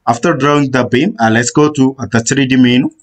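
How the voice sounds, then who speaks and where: A medium-pitched male voice narrates a software tutorial recorded from the screen. He gives instructions step by step but hesitates a lot, dropping in frequent "uh"s.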